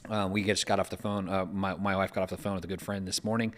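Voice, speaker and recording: A man hosting a casual discussion, talking in a measured, reflective way and often restarting his sentences. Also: low-pitched, little pitch movement, a bit bright. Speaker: podcast host.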